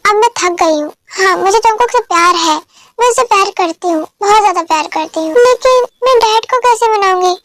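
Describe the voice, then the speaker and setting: A woman's voice: extremely high pitch, fairly quick. A woman voicing a flustered young woman in love. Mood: anxious. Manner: pleading, self-questioning. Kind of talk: amateur dubbed romance drama.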